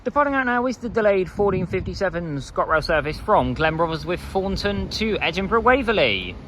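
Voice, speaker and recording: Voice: medium pitch, expressive, brisk, a bit bright. A video host giving methodical trainspotting commentary, spelling out services and numbers. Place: railway station platform. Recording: noisy outdoor station ambience.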